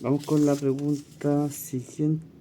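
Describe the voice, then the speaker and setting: A man teaches in a very dark, mellow tone. He reads exam questions and talks through each answer. He thinks aloud and corrects his own slips. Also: on the high side, little pitch movement, slow, slight background noise. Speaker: language teacher. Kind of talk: exam walkthrough lesson.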